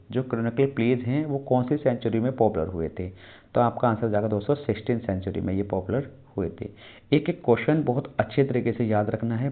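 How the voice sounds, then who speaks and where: A man teaching an exam-prep class, putting a question to his students and then answering it himself. He reads English questions aloud slowly and mixes English terms into Hindi. His voice is mid-pitched and comes through a narrow, phone-like band. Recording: tinny phone-like sound.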